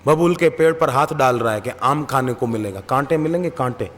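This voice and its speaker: A man giving a devotional sermon, speaking slowly and emphatically, asking rhetorical questions and telling stories. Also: medium pitch, in a large hall. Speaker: spiritual preacher.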